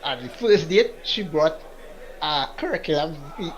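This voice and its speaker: A young man co-hosts a podcast in casual chat, with a fairly high, expressive voice and a slightly slow pace. The top end of the audio is cut off. He tells stories, laughs often, and acts out what people said in put-on voices.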